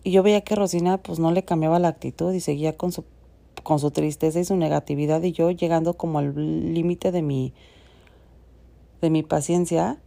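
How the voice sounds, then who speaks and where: Gravelly low-voiced Mexican woman. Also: fairly even intonation, normal speed, mellow. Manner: frank, chatty, sprinkled with swearing. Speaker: podcast host. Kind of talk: casual personal storytelling.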